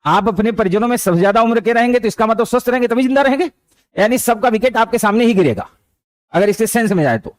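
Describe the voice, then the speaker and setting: A man with a very high, animated voice talks fast in a dry recording with no room sound. He teaches a motivational lesson conversationally, weaving in anecdotes and stray English words as he tells stories.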